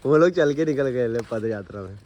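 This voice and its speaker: A man's voice: medium pitch, animated, fairly quick, a little mellow, dull audio. A man hosting a casual family vlog, chatting and talking to his viewers. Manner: chatty, keeps addressing viewers as guys. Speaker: vlogger host. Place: temples and outdoors on a family outing.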